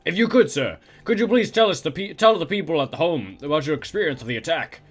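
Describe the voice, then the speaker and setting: A man's voice: fairly high pitch, expressive, fast talker, husky, soft background music. A man voicing a male TV news reporter, delivering each line in a punchy newscaster style. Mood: solicitous.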